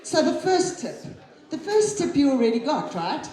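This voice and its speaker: Lively woman speaker in a roomy hall. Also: high voice, normal speed, a crowd in the background. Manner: lively, chatty, laughs at herself. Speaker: conference keynote speaker. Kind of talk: live tech talk on stage. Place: conference hall.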